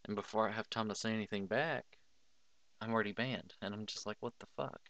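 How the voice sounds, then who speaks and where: A man's voice: lowish voice, fairly even intonation, fairly quick, fairly bright tone, no room sound. A young man giving casual, blunt advice over a screen recording, swearing freely and filling with "like".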